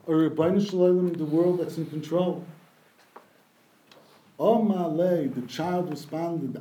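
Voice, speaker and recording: A man's voice: on the high side, dark tone, echoey room, distant mic, low-quality recording. A man giving a sermon, retelling a midrash and translating Hebrew quotes as he goes. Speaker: rabbi giving a talk.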